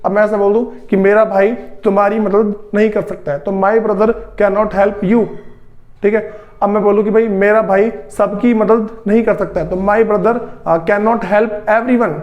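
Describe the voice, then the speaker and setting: A man teaching English grammar in Hindi, explaining step by step with many repetitions and frequent throat clearing. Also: high voice, flat delivery, muffled recording. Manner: explains slowly, repeats steps, often says "theek hai" and clears his throat. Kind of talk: spoken grammar lesson.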